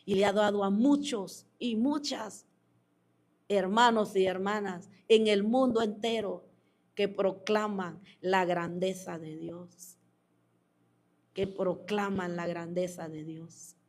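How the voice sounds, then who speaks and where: A woman preaching a sermon at a slow, unhurried pace, leaning hard on key words and pausing between phrases. Her pitch sits in a middle range as she calls her listeners beloved. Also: steady tone, a little mellow. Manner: slow, emphatic preaching with drawn-out pauses; addresses listeners as beloved and reads out comments. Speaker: preacher hosting a program.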